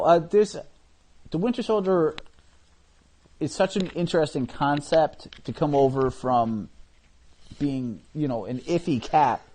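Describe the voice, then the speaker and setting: An opinionated man chats casually on a podcast about comics. His voice sits a little on the high side. He gets excited, trails off mid-thought and starts over. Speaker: podcast co-host.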